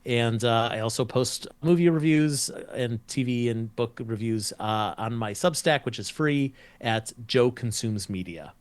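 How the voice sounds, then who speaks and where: A man's voice: medium pitch, unhurried, few pauses, clear, resonant tone, no echo. A man chatting casually as a podcast guest, rambling through explanations with playful asides. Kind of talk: casual chat.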